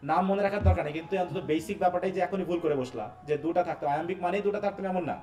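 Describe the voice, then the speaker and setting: A man's voice: sits high, rapid-fire, darkish tone. A man with a Bangladeshi Bengali accent teaching an English class, explaining by repetition and quizzing his students. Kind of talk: live online class.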